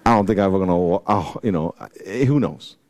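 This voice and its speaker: A man of forty preaching a sermon, reading scripture and telling stories in a loose, slangy way, swinging from loud peaks to low asides. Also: brisk, slight background noise. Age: 40s. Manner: slangy, storytelling. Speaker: pastor.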